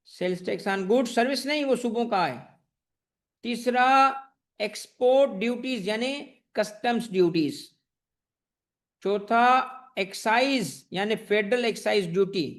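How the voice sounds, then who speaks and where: A man with a voice that sits high teaches an exam-prep tax class that is also streamed online. He fires questions at his students, answers them himself, addresses them affectionately, and repeats the key points.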